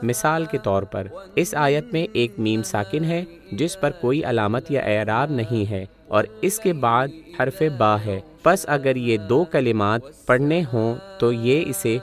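A man teaching Quran recitation, explaining pronunciation rules in a calm, methodical, step-by-step way. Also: mid-range voice, hardly any pauses, soft background music.

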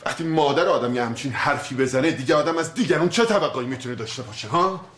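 An actor playing a vain, easily exasperated husband who fancies himself a TV psychologist in a sitcom. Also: male voice, medium pitch, expressive, fairly bright tone, lightly acted. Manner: indignant, exasperated, quick to rise. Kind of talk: sitcom acting.

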